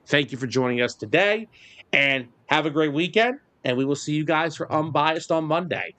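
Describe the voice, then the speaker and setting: A man's voice: on the high side, moderate pace, fairly bright tone, no echo. A man hosting a casual sports talk radio show, joking and rambling through his takes and sign-off.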